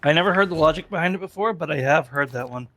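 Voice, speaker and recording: A man's voice: a little high, fast, bright, forceful tone. A man chatting casually while gaming with friends, wry and grumbling, fighting hiccups and a fading voice. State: hiccups, losing his voice. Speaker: co-streamer.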